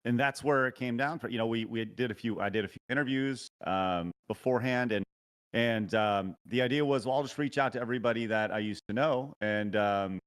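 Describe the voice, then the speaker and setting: A brisk man with a clean, mid-range voice hosts a show and chats with a guest in a casual interview over a remote call. He's rambling and hesitant, full of filler and restarts, and the audio is choppy, cutting in and out.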